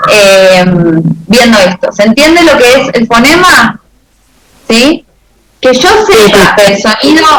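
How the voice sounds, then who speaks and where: Profesora argentina que pregunta "¿sí?". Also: female voice, fairly high pitch, fairly bright tone, reverberant, low-quality recording. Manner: checks understanding with frequent "¿sí?". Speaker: teacher. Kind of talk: class lecture with questions to students.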